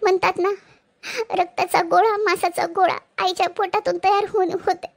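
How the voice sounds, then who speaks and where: A woman's voice: very high voice, level tone, moderate pace, creaky. [name], a woman voicing a consoling sister-in-law. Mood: earnest. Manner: consoling, earnest. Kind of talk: cartoon voice acting.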